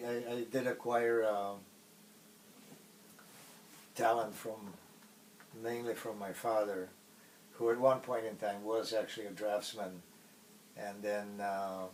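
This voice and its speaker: Slow-spoken man with a Polish accent. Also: on the low side, distant mic, a little hiss or hum, poor audio. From Poland. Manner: halting, pausing often mid-phrase. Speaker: interviewee. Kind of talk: casual reminiscing interview.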